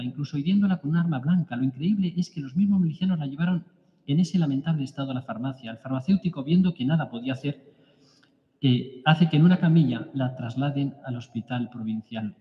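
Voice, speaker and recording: A man reading a story of martyrs aloud to a prayer group as preacher, halting and restarting now and then. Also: mid-range voice. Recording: echoey hall, dull lo-fi sound.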